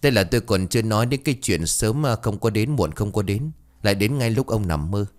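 A sharp-tongued elder wife from a spoken ghost story, put on by a man. She speaks low and lectures with scorn, her pitch rising and falling. She is scheming and sure of herself. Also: expressive, a little fast, close to an everyday voice. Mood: scornful.

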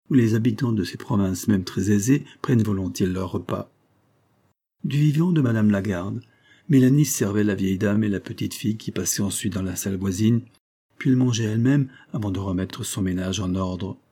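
A man reading a classic novel aloud in a measured, even storytelling manner. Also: fairly low pitch. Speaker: audiobook reader. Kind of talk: literary narration.

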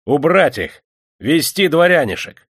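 A man voicing a stern, commanding male Cossack chieftain who barks orders loudly. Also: mid-range voice, animated, normal speed, dry recording, clean studio sound, voice pushed up, lightly acted. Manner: loud, imperious orders.

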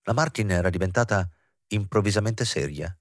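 A man narrating a literary novel as an audiobook in a measured, even way. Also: low voice, no echo, clean studio sound. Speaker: audiobook reader.

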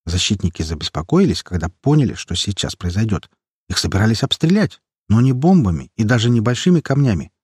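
A man's voice: lowish voice, big pitch swings, fairly quick, darkish tone, breathy edge, no echo. A man narrating an action story audiobook in the first person, telling it dramatically.

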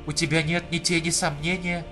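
A man's voice: a little high, little pitch movement, brisk, pushed and bright, soft background music, pitched above the performer's own voice. A male audiobook reader voicing an anxious, insistent adult woman in a pleading manner. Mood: urgent. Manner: pleading, insistent, rising in alarm. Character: distressed determined adult woman. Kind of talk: audiobook reading.

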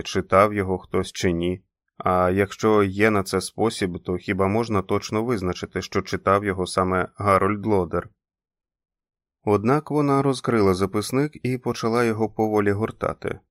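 A man reads a novel aloud in a measured, calm way. His voice sits low. The recording is dry and close, with no room around it. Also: no room sound. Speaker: audiobook narrator. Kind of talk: scripted audiobook narration.

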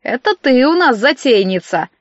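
A woman's voice: on the high side, expressive, fairly quick, dry recording, highs cut off, natural voice. A woman reading an audiobook, voicing a smug, mocking young husband with a mannered drawl. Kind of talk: audiobook character voice.

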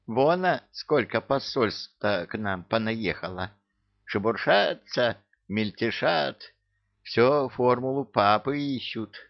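A man's voice: mid-range voice, expressive, slow, gravelly, dull audio, pitched above the performer's own voice. A man voicing a chirpy, sly little male creature who talks in a folksy, conspiratorial way. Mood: gleeful scheming.

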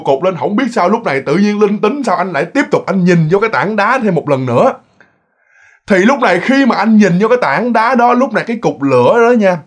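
A man telling a true ghost story in a lively, repetitive way, often speaking straight to his listeners. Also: sits high.

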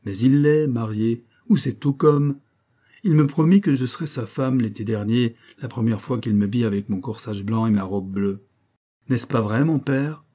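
A man doing a pert, lively little girl. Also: mid-range voice, normal speed, lightly acted.

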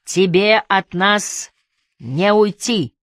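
A woman's voice: extremely low pitch, lively intonation, slow pace, a bit bright, slightly rough, no room sound, clean studio sound, pitched below the performer's own voice, full character voice. A woman reading an audiobook voices a ruthless woman police chief who barks orders through a megaphone. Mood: shouting orders. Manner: barking commands through a megaphone. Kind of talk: audiobook character voice.

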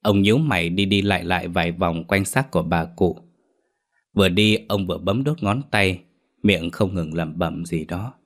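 Deep-voiced male ghost story narrator. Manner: measured, storytelling.

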